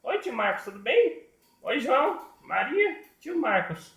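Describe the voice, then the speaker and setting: A man doing a squeaky grandma puppet. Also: sing-song, measured pace, vocal fry, fairly bright tone, heavily acted. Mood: cheerful. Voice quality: high squeaky falsetto. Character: chirpy grandma puppet, cheerful and chatty. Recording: echoey room.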